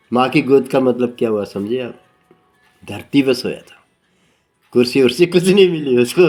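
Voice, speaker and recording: A man's voice: medium pitch, a little mellow. A man tells a homespun tale in a loose, rambling way, repeating himself and losing his thread before circling back. His voice sits mid-range, and it jumps up sharply whenever he slips into a character's line. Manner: rambling, repeats "bola" often, loses track and circles back. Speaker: storyteller. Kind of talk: casual spoken storytelling.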